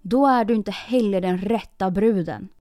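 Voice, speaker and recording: A woman's voice: mid-range voice, dark tone, no room sound, studio quality, faint music behind, natural voice. A woman voicing an earnest young king's son in a storybook reading, asking probing questions. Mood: questioning.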